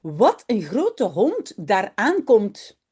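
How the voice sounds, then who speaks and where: A woman's voice: medium pitch, wildly swooping pitch, extremely slow, a little mellow, slightly rough, heavily acted. A woman voicing a bold little boy in a children's storybook, reading his lines aloud. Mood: excited. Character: young Dutch picture-book boy, bold.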